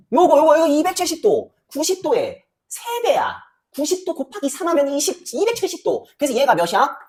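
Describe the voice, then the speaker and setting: Animated woman teaching math. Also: high-pitched. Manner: lively, banmal with quick questions to students, muttering while calculating. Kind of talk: classroom lecture.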